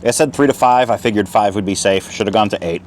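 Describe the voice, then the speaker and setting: Low-voiced man. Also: fast, slight background noise. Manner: chatty, talks while eating. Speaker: outdoor vlogger. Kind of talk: casual food review vlog. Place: outdoor picnic spot.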